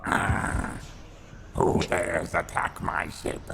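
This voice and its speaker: A man voicing a menacing skeleton ship captain in a tabletop game, with a slow, commanding, raspy skeleton voice. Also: low voice, level tone, heavy background noise, pitched below the performer's own voice, heavily acted. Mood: menacing challenge. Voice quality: gravelly rasp. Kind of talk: tabletop game role-play. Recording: music behind the voice.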